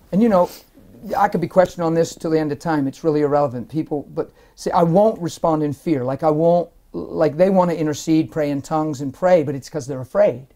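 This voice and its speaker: A man in his forties giving an emphatic, animated personal testimony while seated in an interview, often breaking into laughter between points. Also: high-pitched. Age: 40s. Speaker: interview guest, minister. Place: indoor lounge-style set, seated in armchair.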